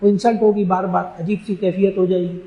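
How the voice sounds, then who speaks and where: This Islamic scholar from Pakistan answers questions in an emphatic religious talk, drawing out key phrases for stress. His voice is high-pitched and his delivery flat, with phone-quality sound in an echoey room.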